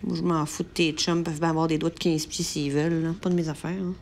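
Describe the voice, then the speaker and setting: A woman playing a bossy, dismissive girlfriend in a sketch, with a lowered, blunt comic voice. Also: flat delivery, fast, a little mellow. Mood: scornful.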